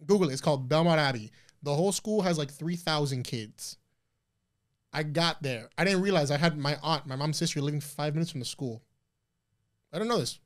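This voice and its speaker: A man in his twenties, a podcast guest telling stories in a loose, profane, animated way. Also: a little high, a little fast. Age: 20s. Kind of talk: casual interview chat.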